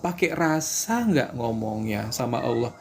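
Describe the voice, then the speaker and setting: A man gives casual religious life advice, chatty and repetitive, acting out prayers and answering greetings from viewers. His medium-pitched voice is animated and measured in pace, with a darkish, creaky tone and a breathy edge.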